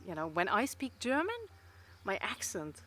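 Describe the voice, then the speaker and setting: Talking to camera at a moderate pace, this vlogger from Luxembourg has a pushed, bright medium-pitched voice with big pitch swings and a Luxembourgish accent, Luxembourgish being her first language. She rambles hesitantly, full of fillers and restarts, over slight background noise.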